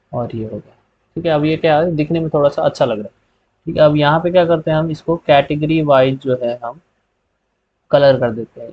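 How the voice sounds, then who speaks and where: A man hosts a screen-recorded spreadsheet tutorial, explaining each step in a relaxed way and frequently saying "theek hai." His mid-range voice is creaky with a breathy edge, and the lo-fi sound is slightly dull.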